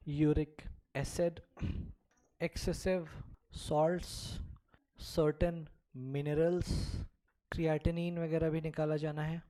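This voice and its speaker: A teacher lecturing a class who fires off quick questions and answers them straight away. Words get repeated for emphasis, and the students are called children. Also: medium pitch. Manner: mixes Hindi and English freely. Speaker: biology teacher.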